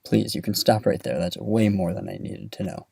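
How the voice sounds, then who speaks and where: A man's voice: on the low side, expressive, normal speed, creaky, a little mellow, breathy edge, heavily acted. A man voicing a young female drive-thru worker, curt and matter-of-fact, in a spoken comic story.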